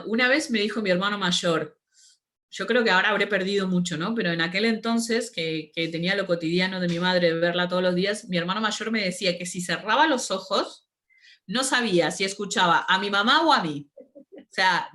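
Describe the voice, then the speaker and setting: A woman, speaking as an interview guest in a casual conversation, telling stories with lively energy and frequent laughter. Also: mid-range voice. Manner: animated storyteller, laughs often, mimics voices.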